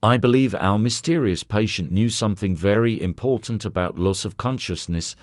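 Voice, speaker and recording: A man voicing a calm, courteous elderly detective who asks questions softly and drops French words. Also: lowish voice, normal speed, no echo, studio quality, lightly acted. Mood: calm probing. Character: elderly male Belgian detective, calm and probing.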